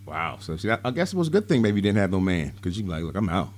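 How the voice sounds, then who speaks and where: Deep guy hosting a podcast, chill, jokes around, voice goes up and down a lot. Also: sing-song, very fast. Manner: laid-back, playful interjections. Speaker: podcast host. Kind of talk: casual chat.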